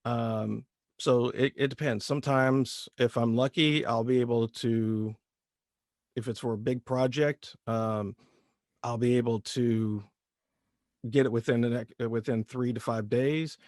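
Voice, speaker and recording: A man's voice: medium pitch, fairly even intonation, unhurried, darkish tone, no echo, clean studio sound. A man in his thirties from Indiana with a light rural Midwestern twang, chatting easygoing as a voice actor guest. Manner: easygoing, rambling with restarts. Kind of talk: casual interview.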